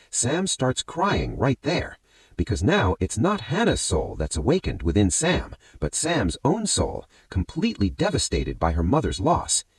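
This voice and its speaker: A man's voice: lowish voice, no room sound. A man narrating a movie recap as a story, often calling his listeners friends. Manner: addresses listeners as friends, lively rising and falling delivery.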